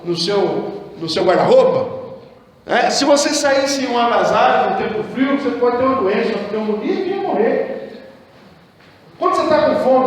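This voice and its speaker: A male pastor preaching a sermon, repeating key phrases slowly for emphasis. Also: extremely high pitch, heavy reverb, in a large hall, poor audio. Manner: preaching with slow emphatic repetition.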